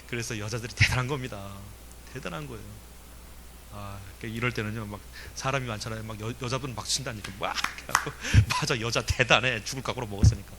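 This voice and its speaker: A man preaching a sermon in a lively, emphatic way, asking the congregation questions and chuckling now and then. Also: mid-range voice, brisk, gravelly, background noise. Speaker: pastor.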